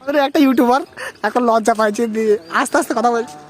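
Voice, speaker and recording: Fast-talking high-voiced man vlogging on a ride. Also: fairly even intonation, a little hiss or hum. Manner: chatty, keeps asking viewers "okay?". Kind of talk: casual travel vlog narration. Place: outdoors on a rural road, riding a motorbike.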